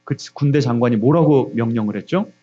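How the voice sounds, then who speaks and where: A middle-aged pastor preaches in a church sanctuary while the service is also streamed on a video call. His medium-pitched voice moves fairly quickly, with the highs cut off, as he presses the congregation with repeated questions and emphatic rises.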